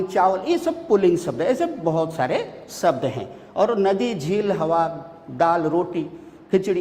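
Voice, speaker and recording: A man teaching a grammar lesson, listing example words one at a time with pauses in between. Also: sits high, a little mellow. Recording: echoey room with long reverb.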